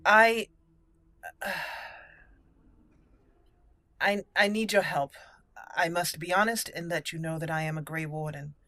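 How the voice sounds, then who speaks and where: This gameplay host has a lowish, sharp-toned voice, speaking at a measured pace with frequent pauses and no echo. She reads her character's lines aloud and comments in her own voice, let's play style with roleplay. Game music plays behind her.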